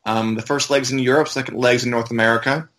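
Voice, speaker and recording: A man's voice: medium pitch, fairly even intonation, fast, fairly bright tone. A man talking casually as a podcast co-host, in an informal, conversational way. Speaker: website editor and podcast co-host.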